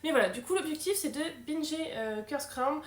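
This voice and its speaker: A woman's voice: sits high, expressive, fairly quick, roomy sound. A young woman chatting casually about her reading plans in a book vlog, self-mocking and full of fillers. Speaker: book vlogger.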